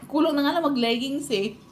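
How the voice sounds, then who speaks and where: A woman with a high-sitting voice and a Filipino accent chats with her live stream viewers, telling family stories and often breaking into laughter. There's slight background noise.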